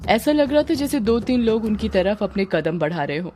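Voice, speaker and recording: A woman narrating a dramatic story in an even storytelling manner. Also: medium pitch, a little fast, soft background music.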